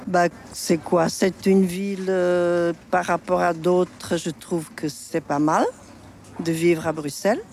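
Older woman, gravelly voice, Portuguese origin, frank and plain-spoken, street interview. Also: on the low side, flat delivery, takes it slowly, darkish tone, slight background noise.

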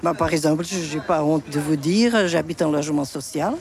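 Older woman, gravelly and frank. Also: deep voice, normal speed. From Portugal. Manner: frank, plain-spoken, opinionated. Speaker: interviewee. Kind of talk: street interview.

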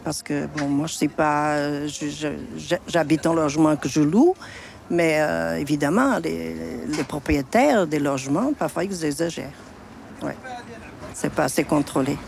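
A woman's voice: low voice, unhurried, vocal fry, darkish tone, a little hiss or hum. An older woman of Portuguese origin answering interview questions in a frank, plain-spoken way. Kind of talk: street interview.

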